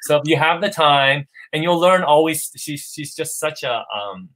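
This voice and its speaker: Here a man from California, appearing as a guest, chats casually on a livestream video call, rambling eagerly and restarting often. His pitch is fairly high and his tone fairly bright, expressive at a normal speed, though the audio quality is poor.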